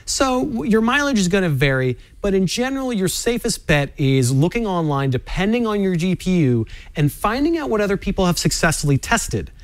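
Animated man explaining overclocking. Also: high-pitched, fairly quick, few pauses. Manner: animated, cautionary, instructive. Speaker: tech demo guest explaining overclocking. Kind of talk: explanatory studio segment.

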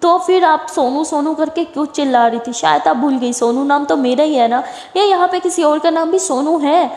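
A woman's voice: sits high, moderate pace, a little mellow. A woman doing a hurt, insistent young man. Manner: pleading, insistent. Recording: roomy echo with long reverb.

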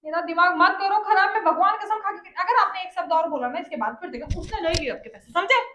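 A woman's voice: extremely high pitch, fast talker, bright, forceful tone, slight background noise. A young woman in a home argument with her husband, who repeats her demands insistently and indignantly. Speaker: wife being pranked. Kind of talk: heated domestic argument. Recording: echoey room.

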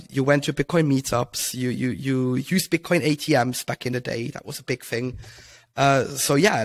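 Indoors in a home room, a young podcast guest from Switzerland talks over a headset in casual interview style. His mid-range voice is creaky, and he says um a lot and restarts often.

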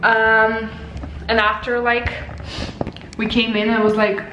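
A young non-native English speaker vlogs casually from a tiled hotel bathroom, laughing a lot as her voice gives out, holding the camera at arm's length. Her fairly high voice is flat, slow, bright, and forceful, with a little hiss or hum and echo from the tiles.

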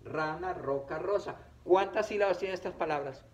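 Male teacher, slightly high voice, playful and drawn-out phonics delivery for kids. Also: dull audio. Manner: slow, drawn-out syllables, playful and animated. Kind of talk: children's reading lesson on camera. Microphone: camera.

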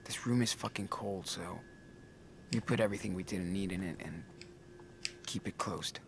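A man playing a weary, protective teenage big brother in a video game, muttering casually in slang with a gravelly voice. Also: low-pitched, normal speed, a little hiss or hum. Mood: weary, reflective. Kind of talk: naturalistic video game acting.

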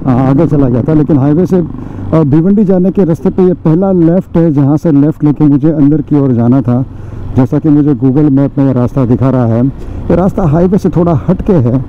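He's a motovlogger in his forties, voice on the high side and speaking at a normal speed, chatting to viewers like friends with lots of fillers as he rides city and village roads. The helmet or bike-mounted action camera mic produces dull, lo-fi outdoor audio with faint traffic and road noise.

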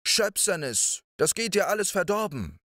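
A man's voice: sing-song, a little slow, sharp tone, dry recording, studio quality, full character voice. A man doing a giant's anxious, kindly wife. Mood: pleading. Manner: high, worried and coaxing. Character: giant's kind, anxious wife, middle-aged woman.

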